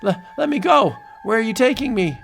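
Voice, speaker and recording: A man's voice: extremely high pitch, very animated, fairly quick, gravelly, a bit bright, soft background music, voice pushed up, exaggerated voice. A man voicing a panicking, arrogant doctor's spirit in a melodramatic vintage horror comic book narration. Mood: frightened pleading. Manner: melodramatic, frantic pleading.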